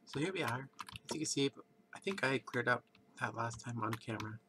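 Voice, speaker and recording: This let's play host has a stuffy, congested voice, having only just woken up, yet stays animated in a mid-range register. He rambles casually over gameplay at his home computer, pausing as he thinks aloud, while background noise and keyboard clicks come through.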